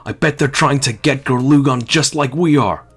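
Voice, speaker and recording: British man putting on a nerdy hacker guy, higher voice, fussy, eager, game sidekick. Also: moderate pace, breathy edge, faint music behind, lightly acted.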